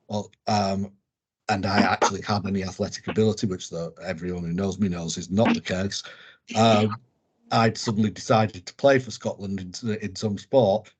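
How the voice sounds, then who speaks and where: A slightly rough, lowish-voiced Englishman co-hosts a podcast, chatting casually about sports. He rambles along with frequent ums, fillers and restarts.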